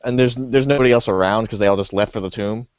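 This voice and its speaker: A man's voice: fairly low pitch, fast talker, clear, resonant tone, no room sound. A young man playing a tabletop game, rambling through his plans with many restarts. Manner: rambling, full of restarts and likes. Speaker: player. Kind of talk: casual chat at a game table. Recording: dull lo-fi recording.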